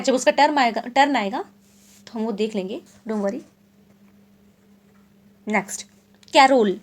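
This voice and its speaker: A woman from India teaching English literature in an exam-prep lecture, explaining terms plainly and reading definitions slowly and deliberately. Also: high voice, darkish tone. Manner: checks in often with short confirming asides.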